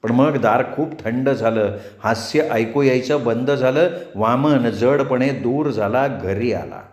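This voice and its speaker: A male storyteller reads a novel aloud in a measured, expressive way. His voice sits at an ordinary middle pitch. The room gives the recording a noticeable echo. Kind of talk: storybook narration. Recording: roomy echo.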